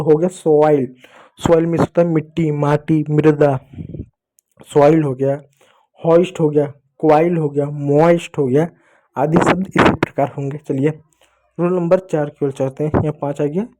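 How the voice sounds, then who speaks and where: Mellow-voiced man teaching reading. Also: fairly high pitch, poor audio. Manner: patient, repeating questions and answers in a call-and-response way; spells out words letter by letter. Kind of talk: Hindi phonics lesson for children.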